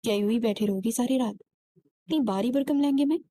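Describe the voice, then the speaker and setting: A woman's voice: fairly high pitch, fairly quick, dark tone, dry recording, lightly acted. Woman reading a curt irritable young husband. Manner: blunt and impatient.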